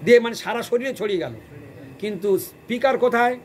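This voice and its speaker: A man's voice: extremely high pitch, brisk, darkish tone, slight background noise. A man preaching a devotional sermon, chanting verses and quizzing his listeners with questions.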